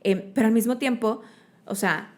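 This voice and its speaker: The guest is a woman from Monterrey, Mexico, whose Mexican Spanish accent colors her expressive interview storytelling. She uses plenty of fillers and tag questions. Her voice is on the high side, and she keeps a moderate pace.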